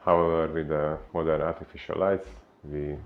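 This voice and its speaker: A man from Hungary with a Hungarian accent, a fitness coach giving an unhurried explainer talk full of filler pauses. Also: a bass voice, little pitch movement, phone-quality sound.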